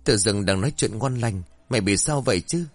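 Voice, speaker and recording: A man's voice: lowish voice, animated, normal speed, dry recording, natural voice. A man voicing a vain, boastful young village woman who talks in a smug, mocking way. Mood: panicked. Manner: smug, mocking and sharp-tongued.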